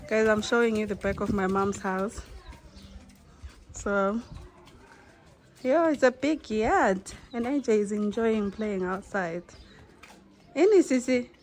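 A young woman with a Zimbabwean accent vlogging outdoors in a home yard, mixing English with Ndebele and gently coaxing a small child. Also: medium pitch, expressive, slow, pauses often, slight background noise. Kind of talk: casual vlog chat.

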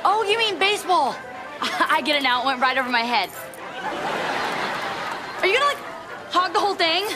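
Bubbly teen girl, teasing, lively pitch, sitcom laugh track. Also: moderate pace, pauses often, a crowd in the background, background noise. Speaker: sitcom lead. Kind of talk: sitcom acting. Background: studio audience laughter and music.

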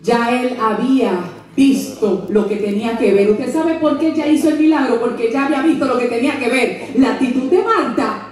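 Woman pastor, high voice, playful sermon full of questions to the congregation, distant mic in an echoing church with music behind. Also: normal speed, crowd noise. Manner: lively, humorous, asks the congregation questions.

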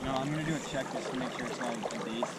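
Fishing buddy guy, calm and quick with tips, kinda far from the camera. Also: medium pitch. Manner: quick, helpful, gives short instructions. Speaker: fishing partner. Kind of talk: casual chat. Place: outdoors in a river. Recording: distant voice over loud river noise.

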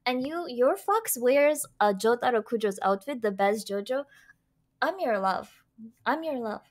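Young woman, from Lithuania, European accent, high voice, playful and excitable, video call. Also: a little slow. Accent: Belgian-raised European. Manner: playful, excitable, laughing often. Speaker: dating show contestant. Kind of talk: casual chat.

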